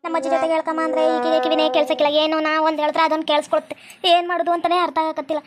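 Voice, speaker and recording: Woman voicing a young village girl, North Karnataka accent, pleading, squeaky high, fast. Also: flat delivery, soft background music, lightly acted. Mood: worried. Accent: North Karnataka Kannada. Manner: fretful, pleading. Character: young village girl missing her mother.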